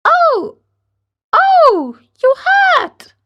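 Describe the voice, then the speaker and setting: A woman's voice: extremely high pitch, very animated, very slow, bright, forceful tone, highs cut off, voice pushed up, heavily acted. A woman voicing the tiny, childlike, pleading voice of a talking log in a storybook reading. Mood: pained. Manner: beseeching, squealing, giggling.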